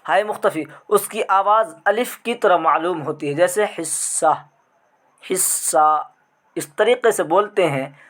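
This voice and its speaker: A man's voice: high-pitched, moderate pace, a bit bright. A man teaching an online grammar lesson, asking questions and answering them himself, drawing out the example words.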